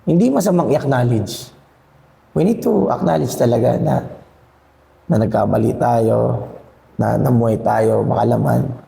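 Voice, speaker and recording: Hoarse man in an echoey church hall. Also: medium pitch, measured pace, pauses often, dark tone. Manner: candid, self-deprecating, laughs often. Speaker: church member sharing at fellowship. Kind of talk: casual faith chat. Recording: echoey hall with long reverb.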